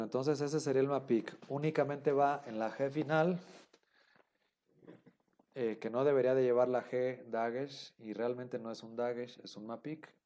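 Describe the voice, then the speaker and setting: Patient male teacher with a mellow voice. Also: mid-range voice. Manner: patient, repetitive explaining with many fillers. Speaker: Biblical Hebrew teacher. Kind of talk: classroom lecture.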